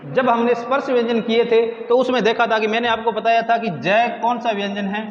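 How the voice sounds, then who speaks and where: High-voiced male teacher in an echoey room. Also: flat delivery, a little fast. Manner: asks questions and answers them himself, repeats key words. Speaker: Hindi grammar teacher. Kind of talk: classroom lesson at a whiteboard. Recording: roomy lo-fi classroom recording, faint noise.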